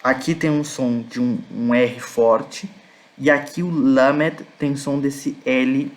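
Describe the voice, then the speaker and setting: A male teacher with a Brazilian Portuguese accent, patiently explaining vocabulary in a recorded class, repeating each word slowly and checking in with his students. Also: medium pitch, fairly even intonation.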